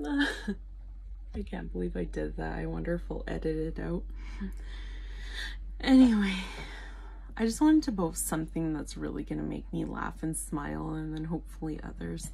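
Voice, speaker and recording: Low gravelly-voiced woman vlogger. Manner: talks quietly, rambling with frequent laughter. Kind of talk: casual late-night vlog.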